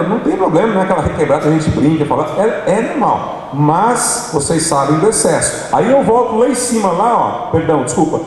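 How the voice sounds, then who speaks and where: A Brazilian man giving an animated workshop talk to a church group, often turning to the audience directly. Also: high-pitched. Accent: Brazilian Portuguese. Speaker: workshop speaker. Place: large hall. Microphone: handheld microphone. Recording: echoey hall, from far off.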